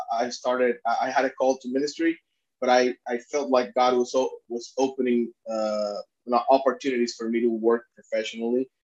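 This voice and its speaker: A man's voice: medium pitch, muffled recording. A middle-aged man from Puerto Rico, an immigration attorney and advocate, telling his story in an earnest interview with many restarts. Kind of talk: conversational interview.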